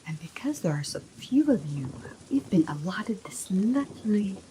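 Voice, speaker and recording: A woman telling a bedtime story as a whispered role-play, speaking in a soft, unvoiced whisper. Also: mid-range voice, very animated, normal speed, background noise.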